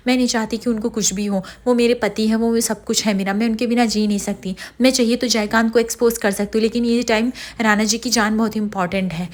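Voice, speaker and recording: A woman's voice: fairly high pitch, steady tone, brisk, few pauses, lightly acted. A woman voicing a young wife who pleads for her husband's life, in her own plain voice. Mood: pleading. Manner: pleading, read out in the narrator's own voice.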